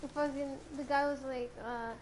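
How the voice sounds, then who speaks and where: A woman's voice: sits high, fairly even intonation, moderate pace. A young woman streamer chatting casually over gameplay, giggly and teasing, with plenty of swearing. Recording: noisy home stream audio.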